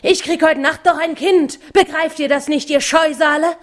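A woman's voice: on the high side, slow pace. A woman voicing a boisterous, burly robber chief in a storybook reading, bellowing and rowdy. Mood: furious. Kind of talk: audiobook reading.

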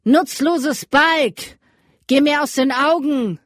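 A woman voicing a cruel, commanding male captain on horseback who barks orders slowly and loudly. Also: sits high, expressive, dry recording, studio quality, voice pushed up. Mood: scornful shouting. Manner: barking orders, slow and loud.

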